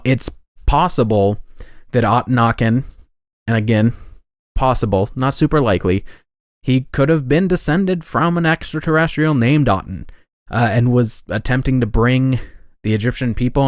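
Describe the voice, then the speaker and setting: Male podcast host, mid-pitched, rambling and self-correcting, dry close mic. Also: a little mellow, dry recording. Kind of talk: casual podcast monologue.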